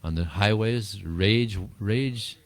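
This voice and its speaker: A man with a deep, low voice teaches a small group in an easygoing, rambling way. He chuckles often and repeats words as he tells stories. The sound is dry and close. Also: takes it slowly, no room sound. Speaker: spiritual teacher answering questions. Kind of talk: informal talk and Q&A.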